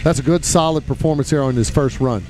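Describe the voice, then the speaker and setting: A man's voice: medium pitch, fast talker, noisy background. A man announcing a live air show competition, calling takeoffs with a showman's flair and addressing the crowd. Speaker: event announcer. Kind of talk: live sports commentary.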